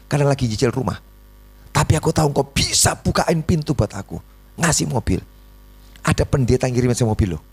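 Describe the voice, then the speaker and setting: A middle-aged man with a Javanese accent preaching a sermon, telling a story animatedly and often jumping into a high voice when he acts out dialogue. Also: creaky, husky. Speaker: pastor.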